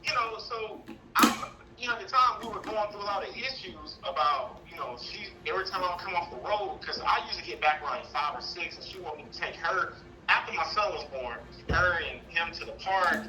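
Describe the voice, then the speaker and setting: A father seeking custody calls in and tells his personal story in a casual, rambling way, saying "you know" often. He has an American accent and an expressive, high-sitting voice, speaking fairly quickly over background noise.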